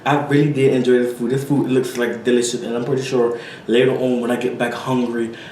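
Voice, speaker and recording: A man's voice: medium pitch, level tone, a little fast, darkish tone, distant mic, slight background noise. Tired young man rambling in echoey room. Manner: rambling, apologetic, many fillers. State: tired, full from eating. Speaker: vlogger. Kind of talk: casual chat to camera.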